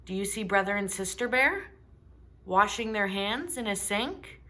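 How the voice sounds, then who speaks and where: Lady reading a kids story aloud, super lively, bright voice, asks the kids stuff. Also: mid-range voice, unhurried. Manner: animated, asks listeners questions. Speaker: storybook reader. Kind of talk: children's storytime read-aloud.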